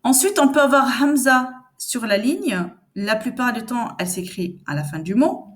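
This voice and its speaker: A woman teaching reading in a patient, conversational way, repeating sounds and syllables slowly and answering the questions she expects from learners. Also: on the high side, expressive. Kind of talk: step-by-step reading lesson.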